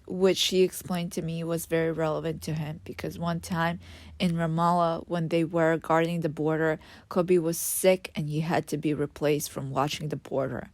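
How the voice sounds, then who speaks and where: Reading her memoir aloud in English, a Hebrew-speaking woman from Israel tells her own story in a low, grounded voice. Her delivery is earnest and reflective, with the odd stumble where she restarts a word. The sound is close and dry, free of echo or room sound.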